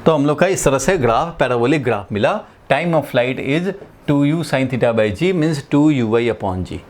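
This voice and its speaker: A physics teacher from India lectures his class step by step, repeating key phrases and checking in with his students. His mid-range voice has lively intonation and a slow pace.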